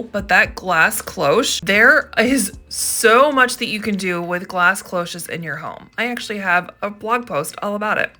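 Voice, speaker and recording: A woman's voice: medium pitch, sharp tone. A woman host narrating a casual thrifting vlog, gushing with enthusiasm over each find.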